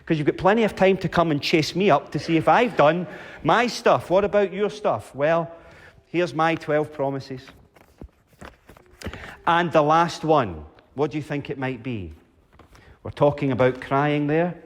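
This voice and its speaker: A man preaching a sermon with dramatic pauses, rhetorical questions and wide swings in pitch and volume. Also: slight background noise. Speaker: pastor. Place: church. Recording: long church reverb.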